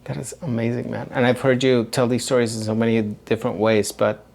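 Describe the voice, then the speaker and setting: A man's voice: mid-range voice, level tone, a little fast, gravelly, a little mellow. A man in his forties hosting a podcast, answering with short, eager remarks and calling his guest dude and man. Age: 40s. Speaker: podcast host. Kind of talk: casual interview chat.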